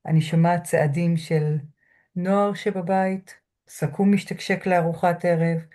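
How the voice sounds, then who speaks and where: A woman lecturer speaking from home through a computer mic, guiding listeners through a grounding exercise in a slow, measured way with soft pauses. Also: fairly low pitch, steady tone. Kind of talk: calm guided lecture. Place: home room.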